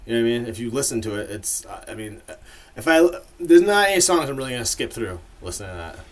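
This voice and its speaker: A man's voice: medium pitch, sing-song, fast. A man in a casual, rambling monologue full of fillers, giving his opinions as the host of a ranking video.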